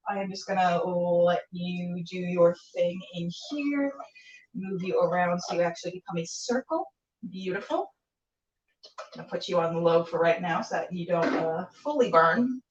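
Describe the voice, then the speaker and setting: Speaking at a normal pace in a lowish voice, a woman hosts a cooking show over a live stream, cooking indoors and chatting to the camera in a relaxed, playful manner. She rambles and keeps up a running conversation with herself. The sound is distant and roomy, with the flat, dull tone of a camera mic.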